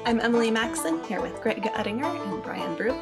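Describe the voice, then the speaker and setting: A woman hosting a podcast, welcoming listeners and reading scripture aloud in a measured, formal way. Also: fairly high pitch, creaky, loud music behind the voice. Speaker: podcast host.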